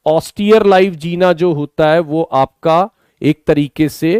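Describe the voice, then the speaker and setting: Speaking a little slowly in a slightly high, darkish voice, an Indian-accented English teacher with a sore throat sounds faintly hoarse. He patiently explains vocabulary to an online class, mixing Hindi and English and urging the students to answer. The audio is studio quality, with no echo.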